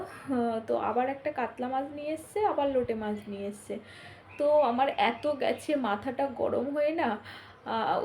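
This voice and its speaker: A young vlogger keeps her voice low while others sleep, casually chatting about her day at home and dropping frequent fillers. She speaks on the high side, and a little hiss or hum can be heard.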